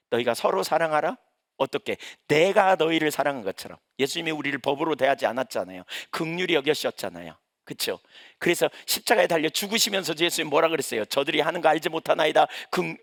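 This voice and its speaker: A man's voice: on the high side, gravelly, fairly bright tone, dry recording, clean studio sound. A male pastor preaching a sermon in a conversational way, asking the congregation questions as he goes.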